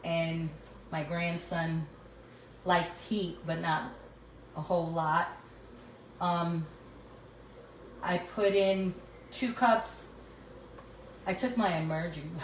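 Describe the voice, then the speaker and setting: An older woman with a New York accent hosts a cooking livestream from her home kitchen, chatting casually and answering viewers as she cooks. Her voice is on the low side, and the phone recording is low quality, with an echoey room and a little hiss or hum.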